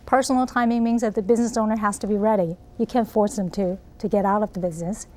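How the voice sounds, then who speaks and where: This is a middle-aged Taiwanese woman with a Taiwanese accent, answering interview questions as a guest and explaining her ideas earnestly, laughing often. Her voice is mid-range and mellow, with a steady tone and a quick pace.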